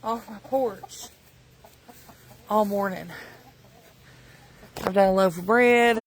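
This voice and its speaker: A woman talks casually through her homestead chores at a slow pace. She is halting, thinking aloud in a mid-range voice. There is faint outdoor farm noise around her. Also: mid-range voice, rough recording. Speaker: homestead vlogger and mother. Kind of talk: casual farm vlog chat.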